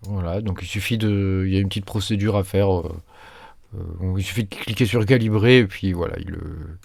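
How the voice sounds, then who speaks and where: A man's voice: low-pitched, steady tone, vocal fry, a little mellow. A French-speaking man hosting his own channel, talking casually through a screen demo with lots of hesitations and restarts. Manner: halting, many fillers and restarts. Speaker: maker channel host.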